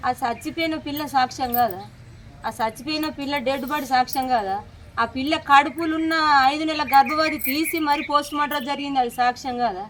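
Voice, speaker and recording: A woman's voice: sits high, fast talker, a bit bright, a little hiss or hum. A woman with a Telangana Telugu accent, a relative of the victim, firing off indignant rhetorical questions.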